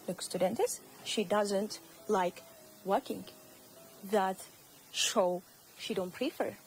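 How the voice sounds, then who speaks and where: A woman teacher with an Ethiopian accent, whose first language is Amharic, gives a slow, repetitive English lesson to young students. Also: medium pitch, slight background noise, rough recording. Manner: slow, repeats words, addresses students.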